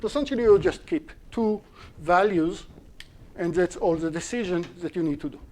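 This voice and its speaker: In English, a Hebrew-speaking university lecturer guides a live-streamed audience through an algorithm step by step. He frequently halts to rephrase or correct himself, speaking in a slightly high, mellow, soft voice.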